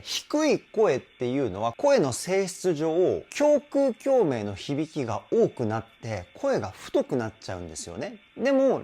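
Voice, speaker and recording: Lively enthusiastic male vocal coach. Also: fairly high pitch. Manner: enthusiastic, explanatory, frequent praise. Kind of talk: reaction video vocal analysis commentary.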